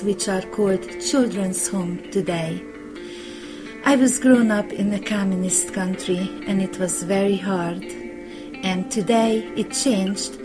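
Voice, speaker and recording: Slow-spoken Romanian-accented woman. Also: medium pitch, low-quality recording. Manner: slow, plain, earnest, non-native grammar. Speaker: charity founder. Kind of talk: recorded charity appeal. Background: guitar music.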